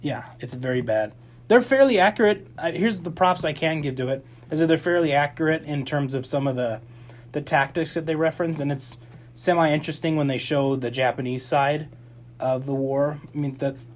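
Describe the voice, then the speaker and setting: A young man co-hosting a campus radio movie show, talking casually in a rambling, animated way full of restarts and fillers. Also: fairly high pitch, moderate pace. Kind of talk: casual movie review chat.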